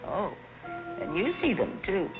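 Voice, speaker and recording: A woman's voice: medium pitch, sing-song, measured pace. An actress playing a dazed, childlike society lady, plaintive and wandering through dreamy 1930s screwball comedy banter. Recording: thin tinny old film soundtrack, music behind.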